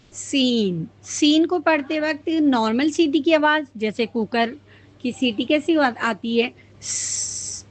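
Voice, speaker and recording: Patient woman teaching Quran pronunciation. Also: fairly high pitch. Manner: patient, demonstrates letter sounds slowly and repeatedly. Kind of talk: casual spoken lesson with slow drawn-out recitation.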